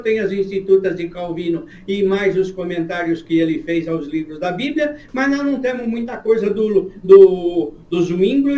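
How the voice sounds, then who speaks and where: High-voiced man lecturing in a roomy space. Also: warm tone, lo-fi sound. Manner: lecturing, emphatic explanation. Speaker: pastor and church history professor. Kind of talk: answering an interview question at length.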